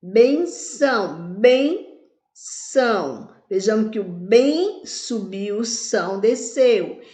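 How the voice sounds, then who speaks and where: A Portuguese teacher gives a grammar lesson in a mellow, mid-range voice with lively intonation, speaking slowly. She stretches words out syllable by syllable and answers her own questions, recorded in an echoey room.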